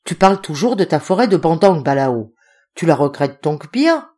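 A woman's voice: low voice, very animated, normal speed, darkish tone. A woman voicing a tearful young woman who pleads with a trembling voice in an audiobook reading. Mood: pleading.

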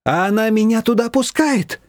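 A woman's voice: on the high side, moderate pace, a little mellow, no echo, studio quality, pitched above the performer's own voice, lightly acted. A man voicing an indignant young wife. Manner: indignant, complaining.

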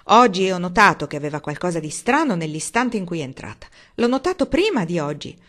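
A woman reading aloud, voicing a gruff, angry old uncle who grumbles loudly and indignantly. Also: lowish voice, big pitch swings, brisk.

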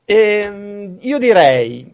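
Very slow yet very animated, this man's high, darkish voice carries a casual studio chat on his radio talk show. He laughs often and keeps restarting his sentences.

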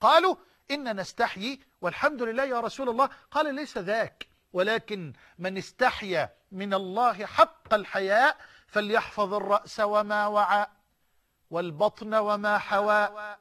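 A man's voice: high-pitched, normal speed, bright, forceful tone. A middle-aged man with an Egyptian accent preaching a sermon, fervent and repeating phrases for emphasis, mixing formal speech with colloquial asides.

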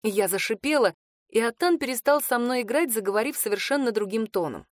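A woman narrating a first-person novel as an audiobook, lively and expressive. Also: on the high side, a little fast, dry recording, studio quality.

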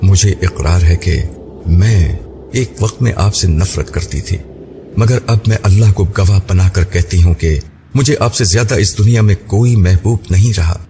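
A man voicing a devoted young bride, speaking in a soft, pleading way over a noisy recording. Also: deep voice. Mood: tender. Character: young woman, tearful and devoted new bride. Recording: noisy background hiss.

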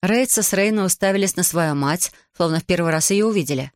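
A woman narrating a fantasy audiobook in calm, even storytelling. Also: on the low side, quick pace, dry recording, studio quality. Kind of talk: scripted narration.

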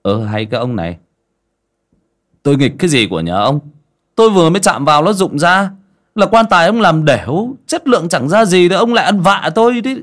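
A sly young gentleman, brazen and freeloading, as a male storyteller puts him on. He talks offhandedly, and his voice rises and dips a lot. It comes across as a spoken storybook tale. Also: very deep voice, expressive, moderate pace, long pauses, slightly rough, pitched below the performer's own voice, heavily acted. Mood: indignant.

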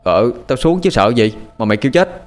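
A man voicing a cheeky, playful young village boy who talks excitedly. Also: mid-range voice, brisk, faint music behind, natural voice.

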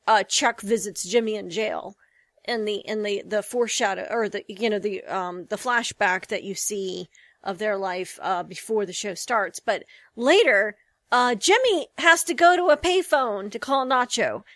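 A woman's voice: on the high side, fairly bright tone, no room sound. A woman co-hosting a podcast, chatting loosely about a TV episode, rambling and correcting herself as she goes. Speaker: podcast co-host. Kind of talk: casual TV episode discussion.

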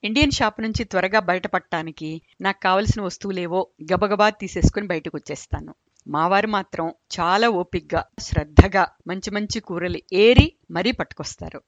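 A woman's voice: mid-range voice, moderate pace, dry recording. A woman telling humorous stories in a chatty, amused way. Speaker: storyteller. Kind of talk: humorous storytelling narration. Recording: dull dry recording.

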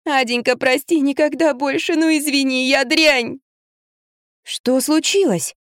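A woman's voice: normal speed, no echo, studio quality, lightly acted. A woman reading an audiobook, voicing a frightened little girl who pleads through tears. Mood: sobbing pleas. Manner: sobbing, pleading, rising high.

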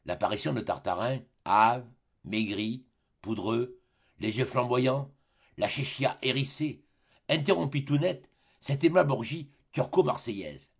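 A man reading a classic novel aloud as an audiobook, with expressive storytelling. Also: mid-range voice, measured pace, husky, muffled recording. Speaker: audiobook reader. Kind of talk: audiobook narration.

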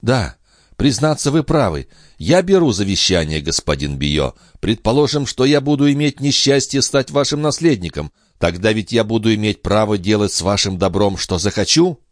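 An eager, naive young peasant lad, as a male audiobook reader puts him on. He talks in a raised, bouncing voice, earnest and excitable, anxious to please. The sound is close and dry. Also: fairly low pitch, moderate pace, no room sound, voice pushed up, lightly acted.

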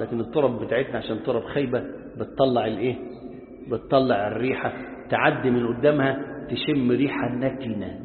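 Egyptian preacher in an echoey hall. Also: male voice, medium pitch. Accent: Egyptian Arabic. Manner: lively, acts out dialogues, fires rhetorical questions. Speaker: Islamic preacher teaching a lesson. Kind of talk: colloquial religious lesson. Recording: echoey hall over a tinny phone-like line.

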